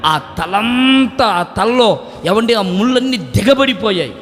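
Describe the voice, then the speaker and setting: Impassioned high-voiced preacher in reverberant hall. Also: male voice, lively intonation, takes it slowly. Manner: impassioned preaching with rhetorical questions and shouted climaxes. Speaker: pastor. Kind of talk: Easter sermon. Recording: long church-hall reverb.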